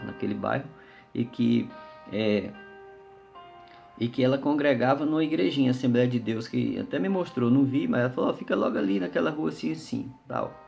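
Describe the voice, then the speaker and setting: A man preaching in a relaxed, conversational way, his voice gravelly with fry, pausing often on fillers and tag questions. He speaks at an ordinary middle pitch over faint instrumental music. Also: highs cut off. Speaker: lay preacher. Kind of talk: informal preaching with a personal story.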